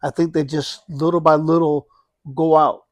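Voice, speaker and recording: Halting, higher-voiced man in a dry room. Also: level tone, no room sound. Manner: halting, repeats and rephrases phrases, often checks "you know". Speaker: hospice nurse being interviewed. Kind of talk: conversational interview, personal reflection.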